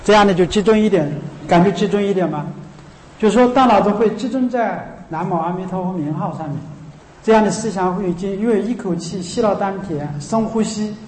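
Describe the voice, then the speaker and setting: A man with a high voice gives earnest spoken instruction on a Buddhist chant. His explanations are plain and instructive, and the sound rings with a long echo as in a large hall. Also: a little fast, a little mellow, slight background noise. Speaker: Buddhist teacher.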